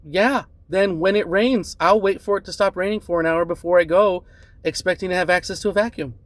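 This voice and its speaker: A man calmly recounting a bad encounter as a customer, earnest and measured, often adding "right?" and "um". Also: high voice, no room sound. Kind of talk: casual spoken account to camera.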